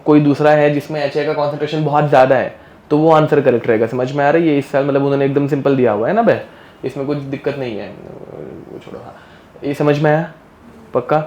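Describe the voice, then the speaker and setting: In an echoey classroom with faint ambient sound, a chemistry teacher with a fairly high, darkish voice lectures casually and live. He slips English terms into his speech and frequently makes sure his students are following.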